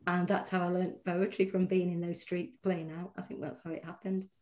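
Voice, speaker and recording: This poet, a middle-aged Mancunian woman from Manchester, talks at a moderate pace with a flat delivery and a fairly low, darkish voice. As an interview guest in relaxed conversation, she often restarts and leans on fillers.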